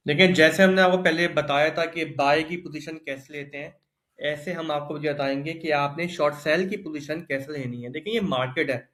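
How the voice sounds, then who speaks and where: A man's voice: on the high side, steady tone, moderate pace, fairly bright tone. A man teaching crypto trading step by step in a screen-recorded tutorial, explaining patiently and often checking in with "theek hai". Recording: roomy echo.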